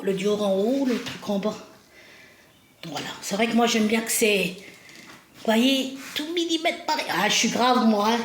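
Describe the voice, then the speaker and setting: A fairly high-voiced woman talks casually at home while she arranges her decor. She is chatty and self-mocking and laughs easily. Her voice carries through a roomy, echoey room to a camera a little distance away, with faint noise behind it. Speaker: home vlogger. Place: indoors at home.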